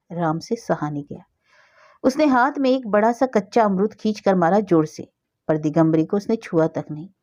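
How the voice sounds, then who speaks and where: Woman storyteller, mid pitch, measured narration; slightly muffled recording. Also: warm tone.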